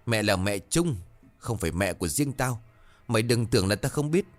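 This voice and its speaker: A man voicing a selfish, grieving eldest son who shouts and accuses. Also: on the low side, animated, moderate pace, soft background music, natural voice. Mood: angry.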